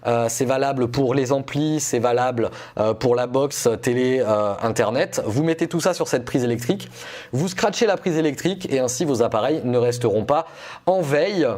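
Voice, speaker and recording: A man's voice: medium pitch, moderate pace, a little mellow. A man explaining and reviewing gadgets to his viewers in a casual, explanatory way. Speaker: tech reviewer presenting a video test.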